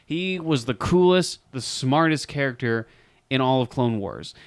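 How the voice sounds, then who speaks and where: A man's voice: medium pitch, animated, unhurried, clean tone. A male podcast co-host speaks in a middle-range voice, talking casually with emphatic, opinionated conviction. The sound is dry and close, with no room echo. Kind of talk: casual chat.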